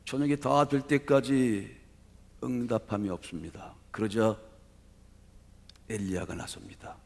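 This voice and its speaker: A man preaching a Sunday sermon as pastor, telling the story dramatically with sudden swings between loud and quiet. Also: fairly low pitch, steady tone, measured pace, vocal fry. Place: church sanctuary. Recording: reverberant church hall.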